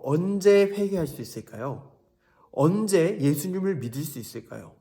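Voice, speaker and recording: Animated young man preaching to children. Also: on the high side. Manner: animated storytelling, asks kids questions. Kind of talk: children's sermon.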